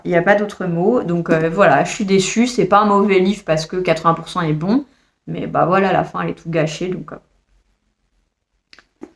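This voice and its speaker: Woman, book reviewer, casual and expressive, mid-pitched voice, talks straight to the author. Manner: expressive, exasperated, addresses the author directly. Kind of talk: casual monthly reading review.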